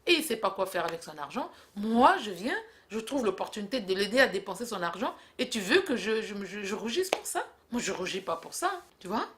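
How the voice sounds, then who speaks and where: A woman's voice: medium pitch, sing-song, a little fast, a bit bright, a little hiss or hum. A young woman in a comic back-and-forth, teasing and scolding with frequent laughter. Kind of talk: comic two-woman dialogue.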